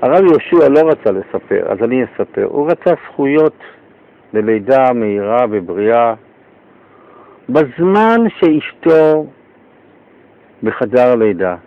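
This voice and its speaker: A male radio host telling a story in a lively, excitable way while he interviews a guest. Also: medium pitch, dull audio.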